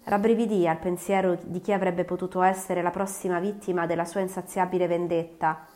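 A woman narrating an audiobook in a measured, dramatic storytelling manner. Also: lowish voice, little pitch movement, darkish tone, soft background music. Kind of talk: scripted narration.

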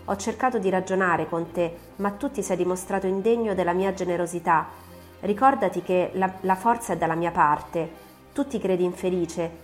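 A woman's voice: fairly low pitch, lightly acted. A woman voicing a vengeful, menacing creature. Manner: threatening, declaiming with force. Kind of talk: audiobook reading.

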